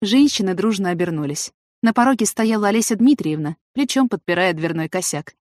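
A woman narrating an audiobook in an even storytelling manner. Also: mid-range voice, fairly quick, dry recording.

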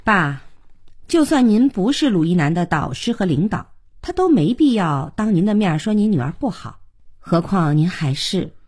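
A woman voicing a young, heartbroken daughter in an audiobook, with a husky, lively and emotional delivery. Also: fairly low pitch, normal speed. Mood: firm. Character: young woman, grieving daughter, brittle and proud. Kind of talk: audiobook character reading.

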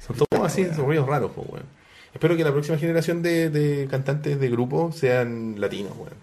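A man's voice: on the high side, fairly quick, a little mellow. Joking Chilean man in casual chat. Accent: Chilean Spanish. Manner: joking, slangy, rambling. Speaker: podcast co-host.

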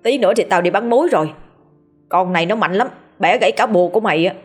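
Brief: woman playing mouthy cowardly young guy, quick and whiny, husky edge. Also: medium pitch, natural voice. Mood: complaining. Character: brash chatty cowardly young man sidekick.

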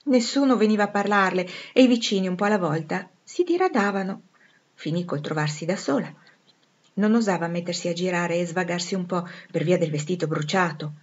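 A woman narrating a classic novel with a measured, expressive reading. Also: on the low side, lo-fi sound. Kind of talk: storybook narration.

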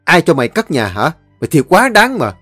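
A man voicing a domineering older brother who shouts harshly. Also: mid-range voice, sing-song, brisk, no echo, soft background music. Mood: furious.

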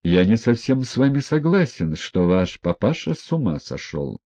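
A man voicing a sickly young man who answers calmly with cutting sarcasm. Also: medium pitch, measured pace, slightly rough. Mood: sarcastic. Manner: calm, mocking, cutting.

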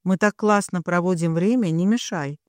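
A reader doing a tipsy playful young sister. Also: female voice, lowish voice, moderate pace, darkish tone, no echo, studio quality, natural voice. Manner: mumbling, stumbling, playful. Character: tipsy carefree young woman, the husband's sister.

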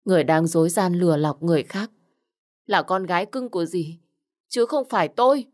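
A woman's voice: lowish voice, brisk, natural voice. A woman voicing a cold, scornful young woman in a spoken story.

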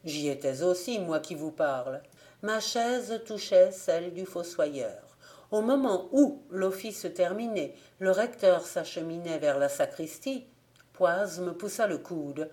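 Slow, measured woman narrating an audiobook. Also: lowish voice, animated, a little mellow. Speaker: audiobook reader.

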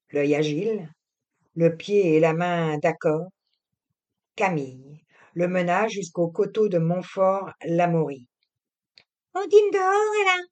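A woman narrating a classic novel as an audiobook, slowly and expressively. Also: low voice, darkish tone.

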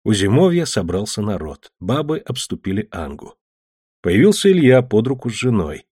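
A man narrating an audiobook with expressive storytelling and a husky voice. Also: lowish voice, normal speed, no echo, clean studio sound.

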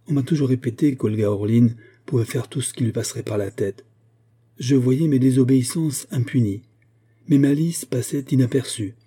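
A man's voice: medium pitch, mellow, husky, close to an everyday voice. A man voicing a remorseful, indignant young noblewoman in an audiobook, pleading earnestly. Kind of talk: audiobook character voice.

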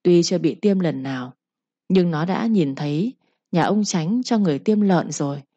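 A woman storyteller giving a steady scripted narration of a romance tale. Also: on the low side, moderate pace, husky, no echo. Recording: slightly muffled recording.

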